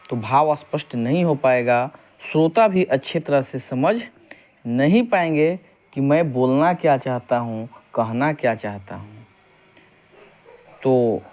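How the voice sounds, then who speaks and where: A man's voice: fairly high pitch, a little mellow. A man teaching a grammar lesson, explaining step by step, putting questions to the class and answering them himself. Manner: reads example sentences slowly and deliberately.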